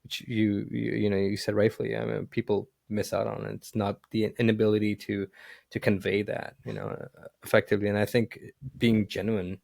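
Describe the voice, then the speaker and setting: A man's voice: fairly low pitch, little pitch movement, creaky, darkish tone, no room sound, clean studio sound. A man hosting a podcast interview, chatting casually with frequent restarts and fillers. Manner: halting, many restarts and "you know" fillers. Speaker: podcast host.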